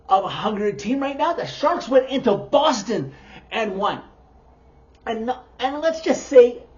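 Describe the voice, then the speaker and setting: A woman's voice: mid-range voice, darkish tone, muffled recording. A woman giving opinionated post-game sports commentary in an exasperated, emphatic manner. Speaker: sports podcast host.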